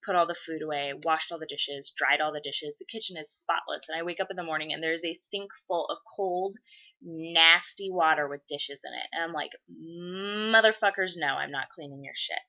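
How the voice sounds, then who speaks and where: A woman's voice: low voice, steady tone, fairly quick, pushed and bright, lo-fi sound. Blunt, swearing woman in her twenties. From USA. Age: 20s. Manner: blunt, swears freely, gets worked up. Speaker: vlogger. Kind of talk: casual chat.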